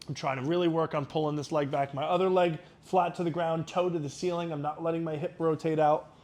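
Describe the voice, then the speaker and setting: A man guiding exercises as a mobility instructor, explaining each step in a careful, unhurried way. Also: fairly high pitch, fairly even intonation, darkish tone.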